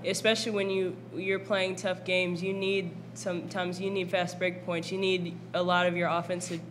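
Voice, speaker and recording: A young woman basketball player answering questions at a post-game press conference, calm and measured, into a table mic. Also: on the low side, background noise. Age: young adult. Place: press conference room with backdrop.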